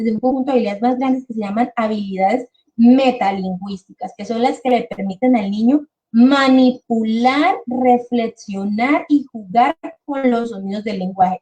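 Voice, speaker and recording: High-voiced woman speech therapist explaining. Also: dark tone. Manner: explanatory, slows down to model words for children. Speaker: speech therapist presenting a webinar. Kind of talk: webinar presentation to parents and teachers.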